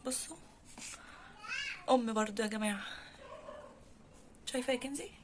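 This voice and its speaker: An anxious woman with an Egyptian accent films a casual vlog in her apartment. Her voice sits high and she keeps exclaiming to her viewers. A steady noisy background runs under a home phone recording. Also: normal speed. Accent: Egyptian Arabic. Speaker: vlogger filming at home.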